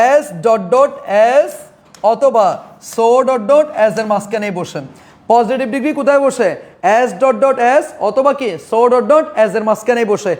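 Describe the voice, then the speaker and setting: Bangladeshi male tutor, young, very high voice, drilling grammar rules by repeating them and quizzing the class, stretching out example words. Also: darkish tone. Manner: repeats key points and asks questions then answers them himself. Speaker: English teacher. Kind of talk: live online grammar lesson.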